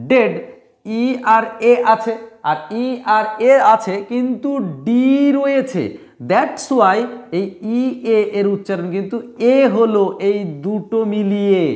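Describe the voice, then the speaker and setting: High-voiced teacher explaining rules. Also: male voice. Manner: repeats points, asks and answers his own questions. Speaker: English teacher. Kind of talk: classroom lesson at a board.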